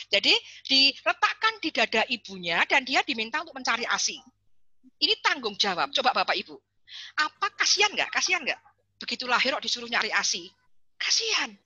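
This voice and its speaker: A woman giving an online parenting seminar, chatty and lively, calling on parents by name over a video call. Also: high-pitched, dry recording. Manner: lively, chatty, addresses parents and reads chat names.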